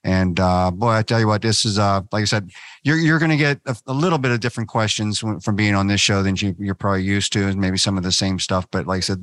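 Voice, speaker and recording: A man's voice: lowish voice, fast, a bit bright, no room sound. A man from the Pittsburgh area hosting an interview show, chatty and easygoing, with many fillers. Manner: chatty, lots of fillers, laughs easily. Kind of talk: casual interview.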